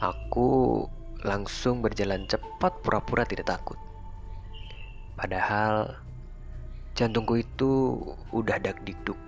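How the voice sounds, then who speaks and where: A man narrating a first-person horror story in a relaxed, conversational way. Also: fairly low pitch, slow pace, creaky, pauses often, muffled recording. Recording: faint music underneath. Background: faint background music.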